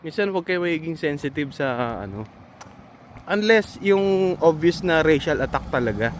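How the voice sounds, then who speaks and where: A man's voice: on the high side, lively intonation, moderate pace, a little hiss or hum. A Filipino man giving casual, earnest advice to fellow nurses in a vlog, reassuring and full of hesitant fillers.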